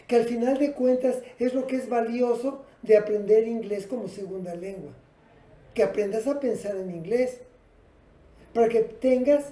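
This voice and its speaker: A woman's voice: fairly high pitch, mellow. Patient teacher woman in an echoey room. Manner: patient, explanatory, addresses students directly. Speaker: English teacher. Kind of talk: classroom lesson at a whiteboard.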